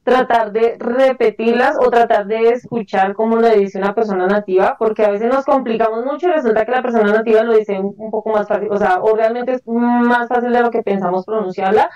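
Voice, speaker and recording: A woman's voice: a little high, fairly even intonation, fairly quick, hardly any pauses, a little mellow. Chatty woman on a muffled distant line. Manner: rambling, chatty, many fillers and restarts. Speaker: guest. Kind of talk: casual panel chat.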